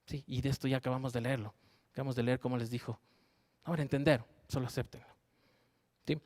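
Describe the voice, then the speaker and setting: A man's voice: medium pitch, steady tone, quick pace, a little mellow. Man teaching scripture, checking in often. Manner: checks in with listeners with a frequent questioning "¿sí?"; reads scripture verses aloud and explains them. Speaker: preacher leading a Bible study. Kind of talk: Bible study sermon.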